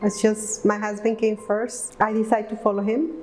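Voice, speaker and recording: A woman from Morelos, Mexico telling her story in an interview, halting and in simple grammar. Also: mid-range voice, level tone, darkish tone, slight background noise. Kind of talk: personal storytelling.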